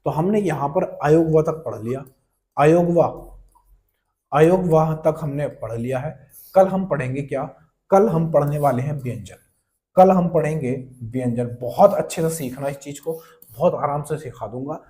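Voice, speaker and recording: A man's voice: a little high, normal speed, warm tone. A young man teaching a Hindi grammar class online, repeating each key term and quizzing the viewer as brother and friend. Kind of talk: online exam-prep class.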